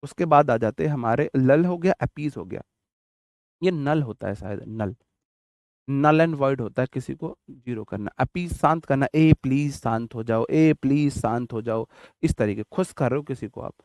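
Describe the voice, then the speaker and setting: A man with an expressive, mid-range voice, slightly mellow and at a moderate pace, teaches exam vocabulary in a casual, jokey way. He mixes in memory tricks and chatty stories from his childhood. The sound is clean studio audio with no room sound.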